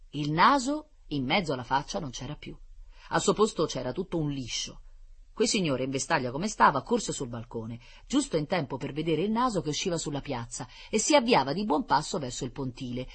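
A storyteller reading a children's fable aloud in an expressive, lively manner. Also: mid-range voice, breathy edge.

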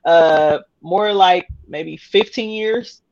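A woman's voice: fairly low pitch, extremely slow, darkish tone, dry recording, highs cut off. A woman in her thirties, a podcast guest telling her story candidly, rambling with many fillers and restarts and laughing often. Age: 30s.

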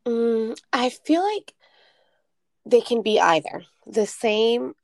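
A woman's voice: fairly high pitch, vocal fry, dry recording, clean studio sound. Emphatic young woman in casual chat. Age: 20s. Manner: emphatic, repeats words for stress. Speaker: podcast co-host.

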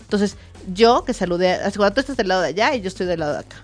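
A woman's voice: mid-range voice, animated, racing, soft background music. A woman, a therapist co-hosting a casual chat show, explaining ideas through examples with many fillers and restarts. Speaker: therapist co-host.

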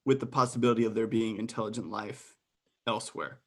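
A man's voice: lowish voice, fairly even intonation, fairly quick, a little mellow. Curious male podcast host. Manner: curious, encouraging, brief hmms. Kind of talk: casual interview questions.

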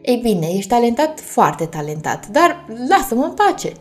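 A woman's voice: fairly high pitch, sing-song, soft background music. A woman voicing an impatient little girl in a storybook reading, exasperated and dismissive. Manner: exasperated, brushing off.

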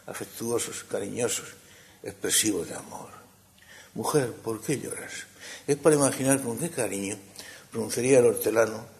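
A man preaching a sermon. He swings between emphatic rises and hushed, soft passages. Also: fairly low pitch, creaky.

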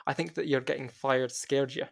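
A man voicing a loud, cheerful Scottish woman who runs a bookshop, speaking in a booming, boisterous way. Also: steady tone, moderate pace, creaky, lightly acted. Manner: bellowing, boisterous.

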